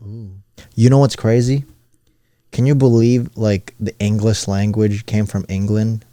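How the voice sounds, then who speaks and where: A young man with a lowish, mellow voice co-hosts a podcast, lobbing jokes and rambling questions. The sound is dry and close, with no room around it. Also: flat delivery, unhurried, no room sound. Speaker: podcast co-host. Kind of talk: casual chat.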